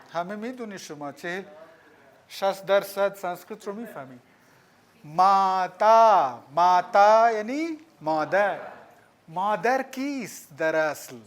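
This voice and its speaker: A man teaching a language class, explaining words slowly, repeating them and putting questions to the students. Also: high-pitched. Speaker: Sanskrit teacher.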